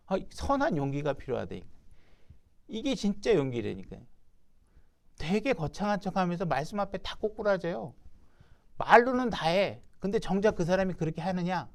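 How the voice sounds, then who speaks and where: A man's voice: high-pitched, very animated, moderate pace, gravelly, long pauses, darkish tone. A man preaching a sermon as pastor, talking conversationally and putting rhetorical questions to his congregation. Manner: reads scripture aloud, then acts out its speakers.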